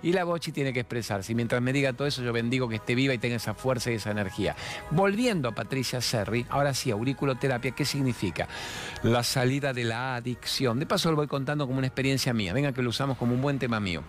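A man in his sixties with an Argentine accent, hosting a TV talk show in a fast, playful, expressive way that moves from jokes to spiritual reflection. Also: mid-range voice, soft background music. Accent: Argentine Spanish. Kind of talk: chatty monologue with humorous anecdotes and sponsor mentions.

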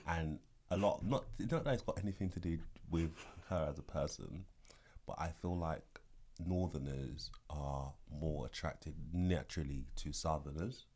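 A man's voice: extremely low pitch, unhurried, darkish tone. A man chatting casually as co-host, offering opinions with many fillers and restarts. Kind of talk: casual chat.

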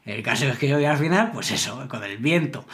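A man's voice: medium pitch, lively intonation, a little fast, fairly bright tone. A man casually telling a cycling anecdote on a podcast, acting out what his friends said. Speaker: podcast co-host. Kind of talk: casual storytelling chat.

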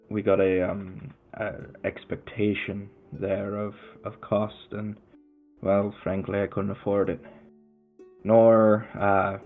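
A man voices a humble, worried innkeeper in a tabletop game, hesitating and stammering with rustic grammar. The voice is gravelly. It is heard over a tinny, phone-like line with faint music. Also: low-pitched, heavily acted.

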